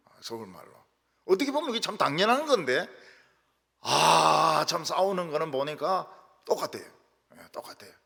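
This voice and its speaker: Animated older pastor in a reverberant church. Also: male voice, on the high side, creaky, slightly rough. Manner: animated storytelling, acts out quarrels in regional dialects. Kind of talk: sermon. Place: church sanctuary.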